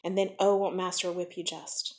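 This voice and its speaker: A woman voicing a stern young female servant in a storybook reading, sharp and scolding. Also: fairly low pitch, level tone, normal speed, natural voice.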